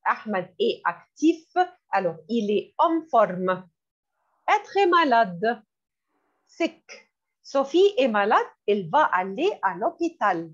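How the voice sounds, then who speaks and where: Slow, lively woman teaching French. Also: fairly high pitch. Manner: slow, repeats each word and glosses it in English. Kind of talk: classroom vocabulary lesson. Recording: dull lo-fi recording.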